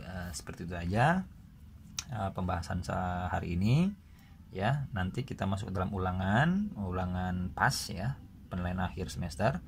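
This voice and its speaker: A man's voice: on the low side, creaky, slight background noise. A man teaching Arabic grammar, explaining step by step and checking in with his students after each example. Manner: explains patiently, with frequent "gitu ya" check-ins. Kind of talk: classroom grammar lesson.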